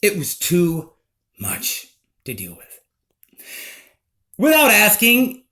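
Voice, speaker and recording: A man recounting a personal life story in a rambling, emotional, animated way. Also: high voice, slow.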